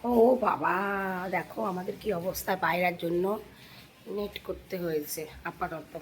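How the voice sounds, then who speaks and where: A woman with a hoarse voice chatting directly to her viewers in a casual home vlog, filmed on a handheld phone. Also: lowish voice, normal speed, slight background noise. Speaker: vlogger. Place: at home, indoors and on a balcony.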